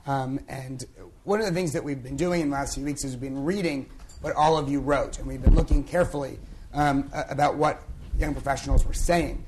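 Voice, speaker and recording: A hoarse young man who has lost his voice, opening a conference panel in a conversational way with many fillers. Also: medium pitch, steady tone, a little fast, darkish tone, slight background noise. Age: young adult. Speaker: panel moderator. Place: conference event on stage.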